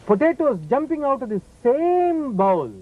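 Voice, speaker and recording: A man's voice: very high-pitched, very animated, a little slow, narrow, tinny audio. A man teaching about oneness in a playful, questioning way. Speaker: yoga teacher. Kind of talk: lively spiritual talk.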